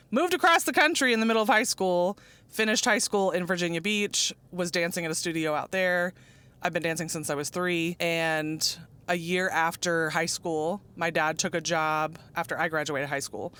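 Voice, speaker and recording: Chatty woman in her forties, smooth voice. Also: lowish voice, fairly bright tone. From Arizona. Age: 40s. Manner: chatty and upbeat, laughs often, acts out quotes. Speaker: interview guest, dance ministry leader. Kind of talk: casual chat.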